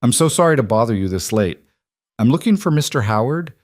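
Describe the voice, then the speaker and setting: A man's voice: mid-range voice, animated, a little fast, no echo, studio quality, lightly acted. Weary Southern woman doctor, read by a man. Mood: weary, apologetic. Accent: slight Southern US. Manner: apologetic, softly polite. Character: tired woman doctor, weary, polite, self-deprecating.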